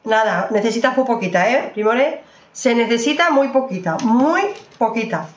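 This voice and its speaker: A beauty vlogger chats through a product test, exclaiming and repeating herself as she goes. Her voice sits a bit high. The sound carries a noticeable room echo. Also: expressive, moderate pace. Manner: chatty, exclamatory, repeats phrases, addresses viewers fondly. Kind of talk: casual makeup review.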